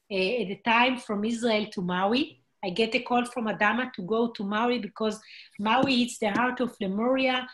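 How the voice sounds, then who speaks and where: Earnest woman hosting a spiritual circle. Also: fairly high pitch. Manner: earnest, non-native English with grammar slips. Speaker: host of spiritual group meeting. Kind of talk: casual group talk.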